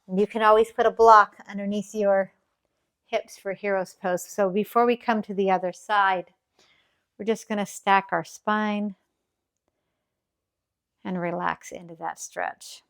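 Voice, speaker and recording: A woman teaching yoga as a calm guided grounding exercise, gently and encouragingly instructing. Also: medium pitch, a little slow, gravelly, pauses often, smooth.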